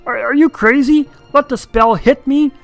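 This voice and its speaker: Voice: moderate pace, soft background music. A performer doing a panicky young dragon. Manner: stammering, frantic and high-pitched. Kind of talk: audiobook drama acting.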